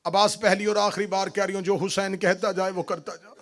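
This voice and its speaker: A man, reciting a mourning sermon at a majlis, moving between hushed narration and sung wailing cries. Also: high-pitched, little pitch movement, brisk. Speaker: Shia majlis orator.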